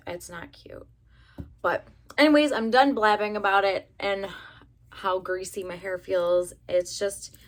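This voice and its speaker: A young adult woman from the United States with a raspy voice, rambling chattily through a casual hair color review. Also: medium pitch. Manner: rambling, chatty, many fillers. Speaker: beauty vlogger.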